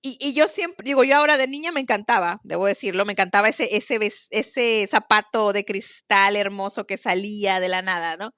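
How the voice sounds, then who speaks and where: A woman co-hosting a podcast, chatting casually in quick bursts and laughing often. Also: mid-range voice, sharp tone, no room sound, clean studio sound. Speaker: podcast co-host.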